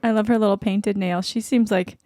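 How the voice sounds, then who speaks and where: Gravelly-voiced woman hosting a chat. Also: medium pitch, fairly even intonation, mellow, dry recording, clean studio sound. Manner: chatty, giggly, quick asides. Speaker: podcast host. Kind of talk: casual chat.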